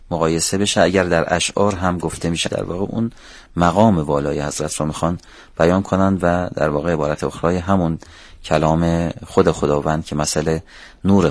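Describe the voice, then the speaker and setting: A man with a low voice presents a religious radio programme. His delivery is formal, courteous and reverent. The sound is close and dry, as in a studio. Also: dry recording. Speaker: radio host.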